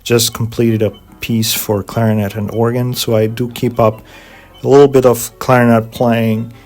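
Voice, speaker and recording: A middle-aged Hungarian man, a guest organist and composer, answering interview questions in measured English with frequent pauses and fillers. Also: medium pitch, flat delivery, a little mellow.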